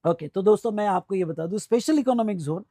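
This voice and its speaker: A man with an Indian accent teaching a tax class, drilling key phrases slowly and calling on students to repeat and answer. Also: high-pitched, mellow, no echo, studio quality. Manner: addresses students directly, calls for answers. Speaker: tax lecturer. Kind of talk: classroom lecture mixing Hindi and English.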